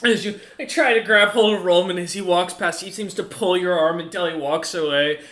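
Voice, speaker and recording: A man narrating a tabletop game as game master, improvising in a halting way as he thinks aloud. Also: sits high, a bit bright.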